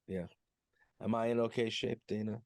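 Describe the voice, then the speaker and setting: A man's voice: fairly low pitch, level tone, moderate pace, a crowd in the background. A man in his forties co-hosting a podcast, rambling casually with lots of fillers and jokes. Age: 40s. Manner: rambling, filler-heavy, jokey. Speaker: podcast co-host. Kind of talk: casual chat.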